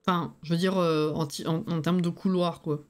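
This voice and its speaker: Here a weary woman talks in a steady, darkish, fairly low voice at a moderate pace, her lisp slurring the s sounds. It's colloquial live-stream chatter, thinking out loud, with music playing underneath.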